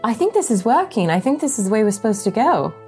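A woman playing a tabletop game, speaking partly in character, eager and quick to take the lead. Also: fairly high pitch, big pitch swings, a little mellow, soft background music. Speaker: player.

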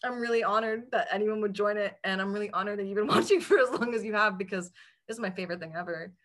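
A twenty-five-year-old woman, a podcast guest in casual chat, animated and self-mocking with quick asides. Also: mid-range voice.

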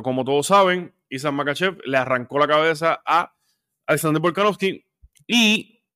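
A man's voice: on the high side, fairly bright tone. A man hosting a sports podcast, talking casually and breaking into heated rants with plenty of fillers. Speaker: podcast host.

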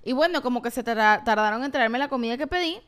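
A young Venezuelan woman co-hosts a casual podcast, rattling off a story at a quick clip in slangy, animated chat. Her voice sits a little high and comes through smooth and clear. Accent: Venezuelan Spanish. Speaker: podcast co-host.

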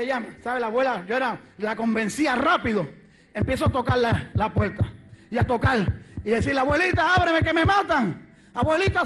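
A man preaching a testimony sermon, fervent, moving from quiet storytelling to shouted praise. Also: very high voice, husky. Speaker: evangelist preacher.

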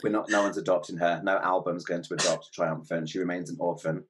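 Low-pitched guy chatting on a music podcast, giggly, rambles happily. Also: flat delivery, a little fast, slightly rough. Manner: chatty, giggly, apologetic asides. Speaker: podcast co-host. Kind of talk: casual chat.

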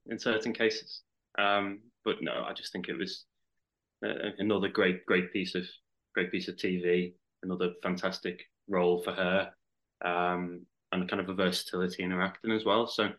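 A man's voice: low voice, fairly bright tone, low-quality recording. A man from Liverpool with a Liverpool accent, chatting as a podcast guest and rambling with many restarts. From Liverpool, England. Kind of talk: casual chat.

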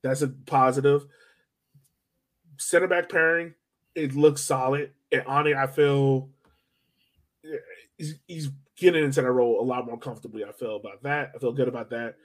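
An American man co-hosts a sports podcast, breaking down players and performances in a casual, slangy chat style. His mid-range voice holds a steady tone at a moderate pace, with long pauses.

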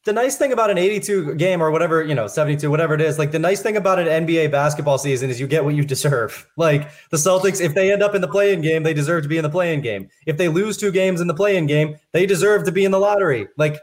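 A man's voice: fairly high pitch, fast, hardly any pauses. A man co-hosting a casual sports podcast, hesitant and full of fillers. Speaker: podcast co-host.

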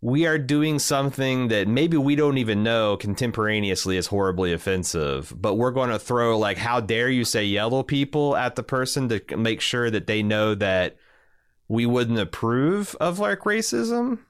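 A man co-hosting a casual comedy podcast, animated and mock-exasperated as he riffs on an old TV show. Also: mid-range voice, moderate pace, smooth. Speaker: podcast co-host.

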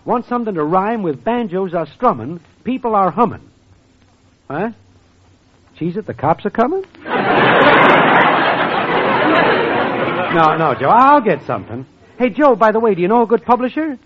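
Brash wisecracking schemer, husky, lively high voice, muffled old broadcast. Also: male voice, brisk, a crowd in the background, background noise. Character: fast-talking male songwriting schemer. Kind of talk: 1940s radio comedy acting. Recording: dull lo-fi old radio recording.

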